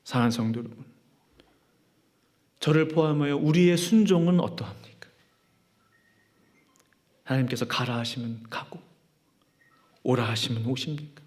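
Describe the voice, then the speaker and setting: A man's voice: medium pitch, moderate pace, long pauses, darkish tone. A man preaching a sermon as pastor, emphatic and full of rhetorical questions. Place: church sanctuary.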